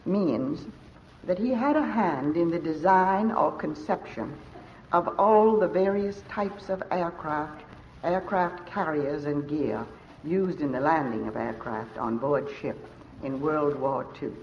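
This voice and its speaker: A woman speaking in a formal, measured way as mistress of ceremonies, captured on an old broadcast transcription disc. The sound is dull and lo-fi, with the long echo of a large hotel ballroom and a faint hiss underneath. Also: low-pitched, a little mellow. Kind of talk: formal luncheon speech introducing a speaker.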